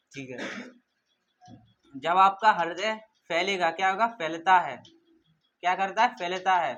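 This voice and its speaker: A man's voice: sits high, a bit bright, lo-fi sound. A male teacher giving a classroom lecture. He asks questions and answers them himself, and repeats key terms in a call-and-response drill.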